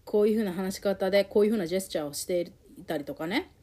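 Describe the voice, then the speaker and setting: A woman telling her own story in a candid, emotional and reflective way, with many pauses and fillers. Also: mid-range voice, mellow.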